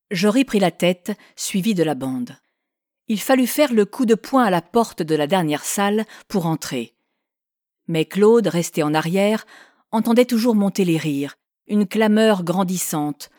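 A woman narrating a classic novel in a measured, expressive reading. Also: fairly low pitch, no room sound, clean studio sound. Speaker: audiobook narrator.

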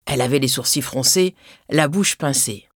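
A woman narrating a children's storybook in an expressive, scripted way, lifting her voice on dramatic words. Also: very deep voice, moderate pace, husky, no echo, studio quality.

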